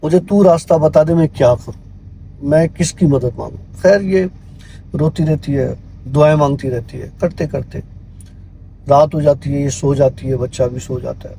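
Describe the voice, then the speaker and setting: A male storyteller recounts a horror tale in an unhurried, conversational manner, often sinking to a hush. His voice is mellow and dark though pitched slightly high. A faint hum of background noise runs behind him. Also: gravelly, low-quality recording. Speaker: guest storyteller.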